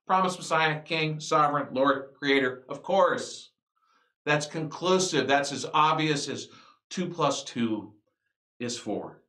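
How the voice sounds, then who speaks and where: A man preaching a sermon as pastor, animated and building to emphatic declarations. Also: medium pitch. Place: church. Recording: echoey church hall.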